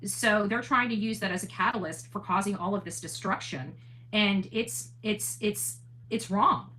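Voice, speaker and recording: A woman hosting an online channel's livestream speaks at normal speed in a medium-pitched voice with a bright, forceful tone. Her casual, earnest monologue includes replies to chat, and she often repeats and rephrases her points to emphasize them.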